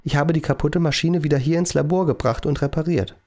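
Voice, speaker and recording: A meek, hesitant lab assistant who stumbles through his answers with fillers and pauses, as a man voices him in a storybook reading. The voice has a gravelly, creaky texture. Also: fairly high pitch, steady tone, a little mellow, pitched above the performer's own voice, close to an everyday voice. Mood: timid. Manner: halting, with many fillers.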